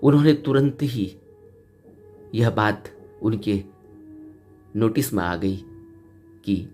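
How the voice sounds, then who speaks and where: A man's voice: expressive, slow. A man giving an earnest spiritual discourse, retelling a teaching story and repeating phrases for emphasis. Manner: earnest, repeats phrases for emphasis, rises in pitch for key points. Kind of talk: Hindi dharma discourse retelling a Buddhist story. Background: soft flute music.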